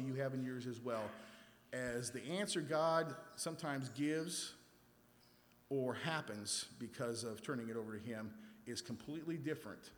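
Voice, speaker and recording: A man's voice: medium pitch, long reverb tail. A man preaching a scripture sermon in a conversational way, often checking in with his listeners. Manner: conversational, checks in with "right?" and "okay?".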